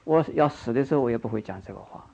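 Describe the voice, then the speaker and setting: A man's voice: mid-range voice, lively intonation, fast, vocal fry, dark tone. An older man preaching a Buddhist sermon, coaxing his listeners, repeating phrases and asking them questions. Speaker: Buddhist monk teacher. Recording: dull lo-fi recording.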